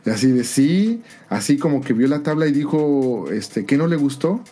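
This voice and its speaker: A man's voice: mid-range voice, a little fast, warm tone, faint music behind. A man with a Mexican accent telling a long personal story in casual podcast chat, in a colloquial, rambling way.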